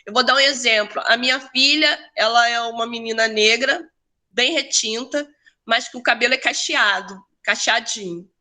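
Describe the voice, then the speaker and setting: A woman's voice: a little high, normal speed, pushed and bright. A woman educator telling a personal story in a casual talk, often adding tag questions. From Brazil. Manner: conversational, tag questions, restarts. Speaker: educator and researcher.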